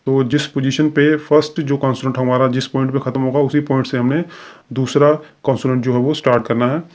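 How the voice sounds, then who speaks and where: A man's voice: medium pitch, level tone, quick pace, a little mellow. A man teaching a recorded shorthand lesson, explaining each sign step by step with frequent fillers.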